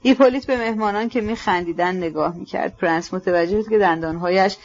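A woman reading a novel aloud in measured, expressive narration. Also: mid-range voice, lo-fi sound. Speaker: audiobook reader. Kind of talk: scripted narration.

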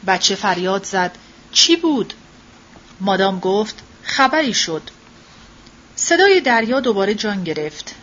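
A woman narrating a literary novel as an audiobook in a measured, even way. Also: mid-range voice, lo-fi sound.

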